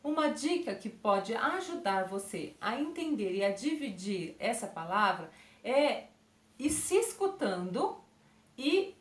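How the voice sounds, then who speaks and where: Brazilian woman, primary teacher for small kids, lively up-and-down delivery. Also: fairly high pitch, slow, roomy sound. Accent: Brazilian Portuguese. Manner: speaks to children with diminutives and frequent check-ins. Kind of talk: recorded online lesson for young children.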